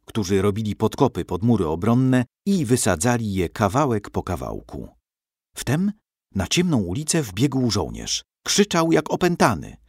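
A man reading a storybook aloud with dramatic, expressive narration. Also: fairly low pitch, slightly rough, no echo, clean studio sound.

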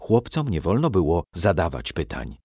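A man narrating a storybook in a measured, expressive reading. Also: low voice, breathy edge, dry recording, clean studio sound.

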